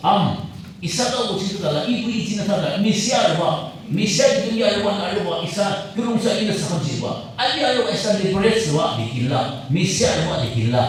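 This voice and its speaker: A man preaching a sermon as pastor at a pulpit microphone, animated and mixing English terms into his talk. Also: high-pitched, slight background noise. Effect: preaching over a pulpit microphone through the church loudspeakers. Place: church sanctuary. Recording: very echoey church hall, voice from a distance.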